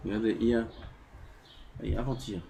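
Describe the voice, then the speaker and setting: A man's voice: on the low side, fairly even intonation, fast talker, vocal fry, dark tone, slight background noise. A man teaching a religious lesson as a rabbi. He reads passages of Hebrew text and explains them, asks the class questions, swings his voice up and down and sometimes drops almost to a whisper. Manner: asks the class questions and acts out everyday scenes.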